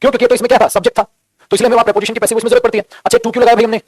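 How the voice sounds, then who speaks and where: A man's voice: very high-pitched, level tone, racing, no echo. A man teaching English grammar in a class lecture, teasing and scolding his students playfully with jokes and repeated drilling questions.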